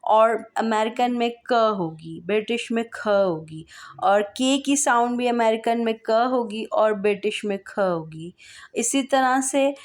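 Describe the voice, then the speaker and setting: A woman teaching an English lesson, spelling words out letter by letter and repeating them slowly. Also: a little high, lively intonation. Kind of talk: classroom lesson explanation.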